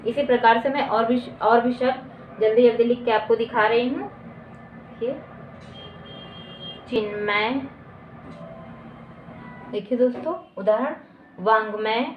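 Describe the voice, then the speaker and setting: A woman teacher giving a grammar lesson at a board. She asks her students questions and answers them herself, and she repeats each definition slowly. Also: on the high side, steady tone, a little hiss or hum. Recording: echoey dull lo-fi room recording.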